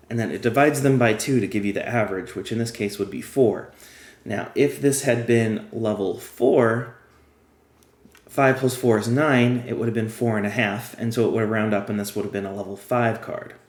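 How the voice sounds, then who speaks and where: A game guide creator with a mid-range voice that's going hoarse chats casually while playing a card game, explaining it step by step in a relaxed gameplay tutorial. The sound is roomy.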